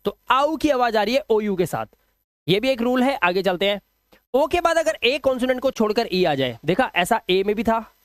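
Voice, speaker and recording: A man teaching English pronunciation rules step by step. He stretches each example word out slowly, repeats it, and keeps checking that the listener follows. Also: extremely high pitch, very animated, fairly bright tone, no echo, studio quality. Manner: patient, step-by-step explaining with frequent checks.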